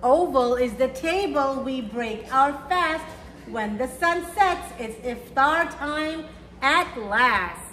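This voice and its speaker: A woman with a high voice reads a children's picture book aloud at a slow pace, her intonation lively. As a storytime reader and teacher, she speaks to young children in a simple, encouraging, teacherly way. The room has a roomy echo and faint background noise.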